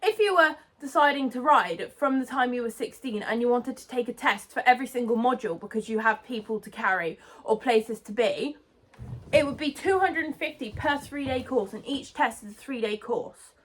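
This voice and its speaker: This ranting vlog features a young British woman, around nineteen, speaking indignantly into her phone outdoors near passing traffic. Her voice sits on the high side and moves at a moderate pace.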